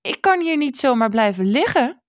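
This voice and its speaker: A woman's voice: sits high, very animated, normal speed, dry recording, studio quality, voice pushed up. A woman voicing a frantic, self-important little woman in a storybook, speaking in an agitated, insistent way.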